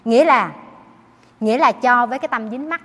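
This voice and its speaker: A woman's voice: a little high, a little fast, long reverb tail. A Buddhist nun giving an earnest dharma talk, often questioning her listeners. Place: temple hall.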